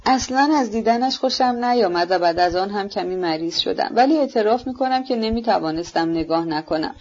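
A gentle young prince speaks with earnest, sincere feeling, as a woman narrator reads him in her own voice. The audio is dull and lo-fi. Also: mid-range voice, natural voice.

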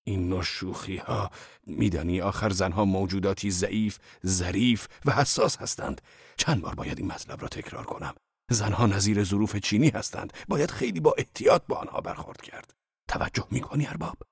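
A man voicing an earthy, coaxing old male laborer in an audiobook, talking with lively jumps in pitch. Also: creaky, husky, no echo, studio quality, exaggerated voice.

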